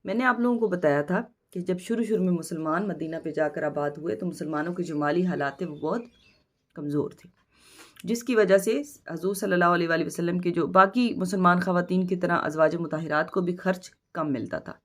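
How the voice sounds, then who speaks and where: A woman with a Pakistani Urdu accent teaches a recorded lesson, her voice set a little low. She reads word meanings slowly and stresses each one as she explains it to her students.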